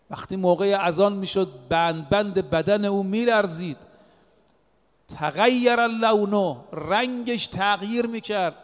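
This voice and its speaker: A man giving a religious sermon as a preacher, speaking emphatically and weaving in recited Arabic scripture. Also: sits high. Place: in or near Qom. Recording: long reverb of a large hall.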